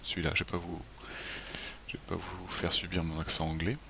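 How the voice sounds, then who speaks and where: A man presenting a software tutorial as a screencast walkthrough, relaxed, often clearing his throat and restarting phrases. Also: sits low, a little fast. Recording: faint hiss.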